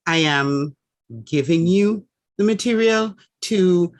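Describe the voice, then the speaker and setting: A woman's voice: fairly low pitch, slow, no echo. A woman with a Trinidadian accent speaking as a panelist, earnest and building on others' points. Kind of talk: online panel discussion.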